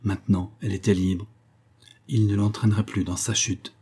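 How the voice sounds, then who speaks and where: A male narrator reads a novel aloud in a measured, even way. His voice is low and dark, with a husky grain. The pacing stays steady throughout. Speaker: audiobook narrator. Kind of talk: scripted literary narration.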